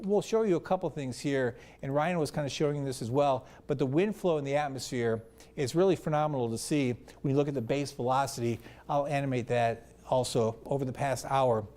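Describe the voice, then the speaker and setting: A man's voice: mid-range voice, warm tone. A man presenting live weather commentary, explaining things step by step in an unscripted way.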